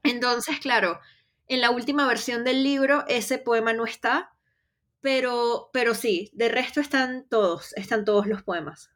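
A young woman from Venezuela, a poet, talks about her work in a reflective and hesitant way, often stopping to restart. Her voice sits high. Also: a little slow, fairly bright tone. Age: young adult. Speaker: poet, interview guest. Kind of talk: casual interview talk.

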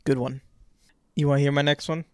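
A man's voice: a little high, little pitch movement, a little fast, darkish tone, clear, resonant tone, no room sound. A man in his twenties co-hosting a podcast, chatting casually and repeating words as he rambles. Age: 20s. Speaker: podcast co-host. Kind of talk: casual chat.

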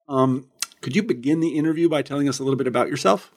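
Male podcast host, relaxed talk. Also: mid-range voice, fast. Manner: relaxed, conversational, with fillers. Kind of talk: interview podcast, reading an ad then hosting.

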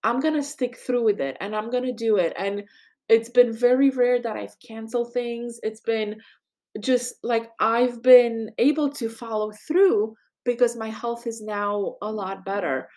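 Middle-aged woman, chatty podcast monologue, lotsa um and right, voice on the high side. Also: unhurried, darkish tone. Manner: chatty, many fillers and "right?" asides. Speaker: podcast host. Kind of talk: casual personal monologue.

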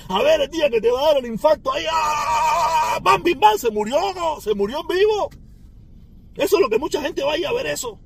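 A man's voice: very high voice, a little mellow, a little hiss or hum. A man with a Cuban Spanish accent, ranting at a rival on his podcast in a taunting, sarcastic way with mocking laughs. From Cuba. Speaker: podcast host.

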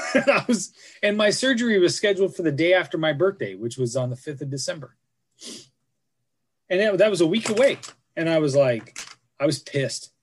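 A man's voice: on the high side, big pitch swings, normal speed, pauses often. Blunt, profane man in his forties. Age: 40s. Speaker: podcast co-host. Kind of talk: casual podcast chat.

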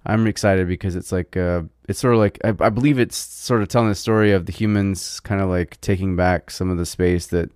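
A man's voice: low voice, steady tone, brisk, few pauses, a little mellow, clear, resonant tone, no echo, studio quality. A man co-hosting a podcast, chatting casually with many fillers and restarts. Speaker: podcast co-host. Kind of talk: casual chat.

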